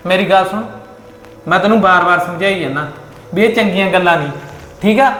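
A man's voice: high voice, brisk, fairly bright tone. A man acting as an exasperated young husband and protective brother, scolding and impatient in a short film drama. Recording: echoey room with long reverb.

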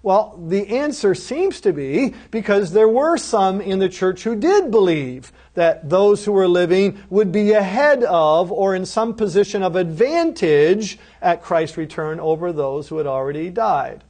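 High-voiced man giving an emphatic Bible lecture. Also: lively intonation, a little slow, hardly any pauses, a little mellow. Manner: emphatic, explanatory, asks rhetorical questions. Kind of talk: recorded course lecture.

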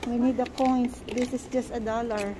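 In a busy indoor mall, a Filipino woman in her thirties records a casual family vlog on her handheld phone, urging her kids on in English and Tagalog with a Filipino accent. She speaks at a moderate pace with a flat delivery and a slightly high voice, over a noisy background.

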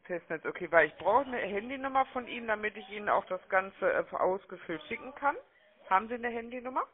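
On a phone sales call, a call-centre agent with a notably high voice sounds animated and brisk, with a breathy edge. He is friendly and long-winded, adding small questions to his sentences, and the muffled, narrow-band audio sounds like a telephone line.

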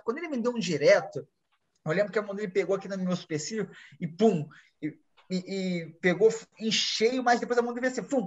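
Fast-talking Brazilian fighter telling stories. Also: male voice, sits high, lo-fi sound. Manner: fast, animated storytelling with acted-out quotes. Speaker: guest, MMA fighter. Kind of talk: casual storytelling interview.

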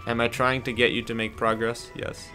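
A man's voice: mid-range voice, little pitch movement, over music. A young man chatting casually and teasingly while coaching a friend through a video game. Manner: teasing, bossy, quick to laugh. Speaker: channel host coaching a friend's play. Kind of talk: casual gaming banter.

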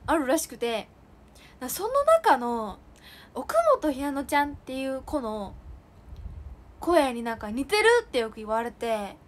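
A young woman chatting casually with viewers on a solo livestream, bubbly and giggly, indoors while heavy rain falls outside. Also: high-pitched. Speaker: idol livestream host. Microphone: phone or streaming mic.

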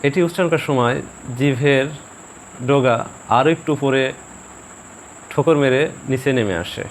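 A man teaching a pronunciation lesson in a calm, measured way. He slows down and repeats each example word so it can be copied. Faint insect and cricket sounds hum in the background. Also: medium pitch. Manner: slow, deliberate, repeats example words for practice. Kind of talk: instructional video lesson.

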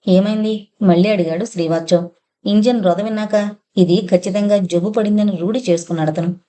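A woman narrating an audio novel in an even storytelling manner. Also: mid-range voice, a little fast.

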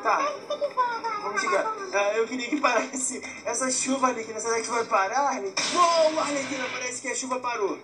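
High-voiced excitable Brazilian gaming man. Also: a little fast, rough recording. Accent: Brazilian Portuguese. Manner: excitable, frequent shouts and exclamations. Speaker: gameplay commentator. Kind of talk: excitable let's-play commentary. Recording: loud game music behind. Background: loud game music.

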